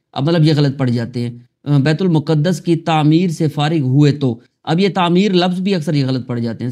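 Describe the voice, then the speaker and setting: A man from Pakistan hosting a screen-recorded software tutorial, talking chattily to his viewers. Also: a little high. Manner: chatty, addresses viewers as "janab" and "dosto". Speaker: tutorial host.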